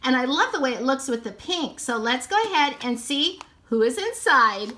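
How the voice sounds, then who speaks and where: A woman's voice: high voice, expressive, moderate pace, bright, forceful tone. A woman narrating a toy unboxing, gushing sweetly and repeating how cute everything is.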